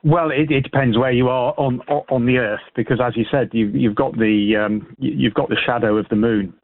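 Halting British man on a tinny phone line. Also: medium pitch, fairly even intonation, dry recording. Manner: hesitant, halting, repeats words. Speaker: astronomy expert and event organiser, radio guest. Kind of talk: live radio interview, explaining informally.

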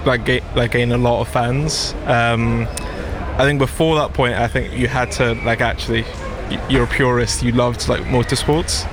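A man's voice: medium pitch, little pitch movement, moderate pace, noisy background. A man from Scotland talking as a racing fan guest on the radio, casual and full of fillers. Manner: casual, filler-heavy talk. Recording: music bed under the voice.

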